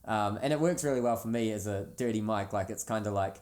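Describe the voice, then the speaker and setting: A man's voice: fairly low pitch, quick pace, darkish tone. A man with a New Zealand accent, a rapper guest chatting casually in an interview, laid-back and rambling with lots of fillers.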